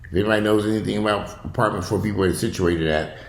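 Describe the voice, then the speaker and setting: A man's voice: on the low side, steady tone, fast talker, vocal fry, echoey room, slight background noise. A man giving casual, opinionated video commentary at home, talking in a blunt, profane, rambling way. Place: indoors at home.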